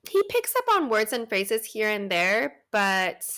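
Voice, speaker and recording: A woman in her thirties, from Taiwan but raised in the United States and speaking with an American accent, talks casually as an interview guest. Her medium-pitched voice is sing-song, a little slow and fairly bright. She is chatty and laughs often, with many fillers and restarts.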